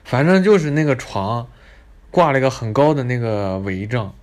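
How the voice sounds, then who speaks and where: A man rants his way through a comic story, peppering it with profanity. His voice sits in an ordinary middle pitch. He delivers the tale with indignant, crude energy. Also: normal speed, a little mellow. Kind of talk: comedic monologue storytelling.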